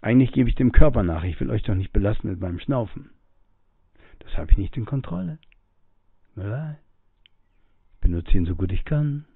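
Male spiritual teacher, musing, animated delivery, dry phone-quality sound. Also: fairly low pitch, brisk, gravelly, long pauses, slightly rough, no room sound. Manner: musing, acts out quoted voices, breathes audibly. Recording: tinny phone-like audio, dry.

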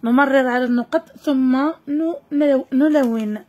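A high-voiced woman with a Moroccan accent teaches a recorded lesson for young children. She draws each syllable out slowly and repeats it so small learners can follow. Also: a little mellow. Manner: slow, drawn-out sounding of letters and syllables.

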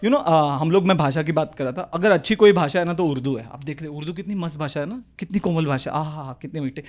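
A young man with a Mumbai Hindi accent doing an animated stand-up set on a club stage, swinging his voice into quick street characters. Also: a little high. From India. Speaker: stand-up comedian. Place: comedy club stage with live audience. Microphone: handheld stage mic. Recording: live club recording with audience laughter.

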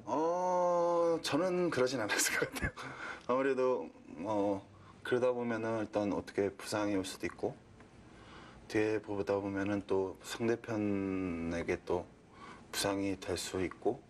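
A man answers interview questions hesitantly, hedging as he goes. His voice is somewhat low, with faint ambient noise behind it. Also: a little slow. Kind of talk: casual interview.

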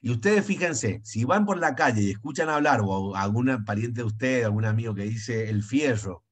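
A man with an Argentine accent teaching an online chemistry class over a video call, chatty and enthusiastic, dropping into quiet asides. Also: medium pitch, expressive, moderate pace, breathy edge. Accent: Argentine Spanish. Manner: chatty, enthusiastic, asides under his breath.

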